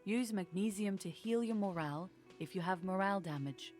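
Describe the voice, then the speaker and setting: A woman voicing a calm, helpful game tutorial voice with a plain instructional delivery. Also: medium pitch, moderate pace, natural voice. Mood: instructive. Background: faint game music.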